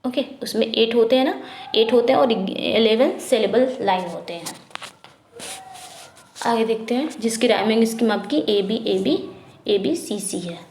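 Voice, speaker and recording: Brisk Indian woman teaching exam English. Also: a little high, darkish tone, echoey room, slight background noise. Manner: reads English questions slowly, explains quickly in Hindi; repetitive drilling, asks then answers herself. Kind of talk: Hindi-English exam prep lesson.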